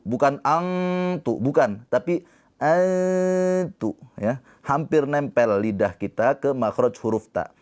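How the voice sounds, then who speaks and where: A man teaching tajwid on a live stream, explaining slowly and patiently and breaking into drawn-out chanted recitation. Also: mid-range voice, a little mellow. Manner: talks to viewers in the comments.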